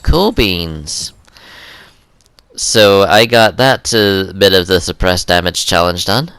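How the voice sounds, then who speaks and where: A young man rambles through casual gameplay commentary, hesitating constantly with ums and uhs. His voice sits low but sounds bright and crisp. It is recorded dry, with no room sound. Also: slow pace, no room sound.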